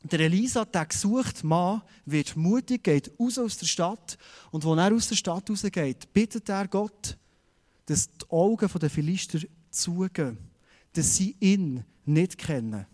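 Lively Swiss German preacher, man. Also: high voice, a little slow. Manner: lively storytelling with acted-out voices. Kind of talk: sermon.

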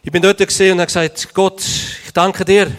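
A man's voice: high-pitched, level tone, a little fast, a bit bright. A man interpreting a testimony line by line, earnest and sometimes stumbling over words. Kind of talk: live consecutive interpretation.

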